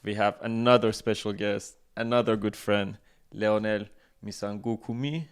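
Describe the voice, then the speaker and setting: Laid-back guy hosting a podcast, smooth clear voice on the low side. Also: steady tone, moderate pace. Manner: easygoing, laughs along with the guest. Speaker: podcast host. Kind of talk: casual interview talk.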